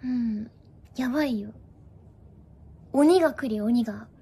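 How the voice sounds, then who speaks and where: A young woman streamer chats casually with her viewers in a high, light voice. She is playful and giggly and keeps tossing in bits of English. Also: measured pace, mellow, husky. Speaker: live streamer.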